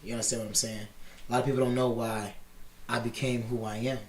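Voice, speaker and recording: A man in his thirties from Chicago, a podcast guest talking candidly in a relaxed interview. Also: medium pitch, fast, echoey room, a little hiss or hum. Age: 30s. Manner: candid and animated, often says "you know what I'm saying". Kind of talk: casual interview talk.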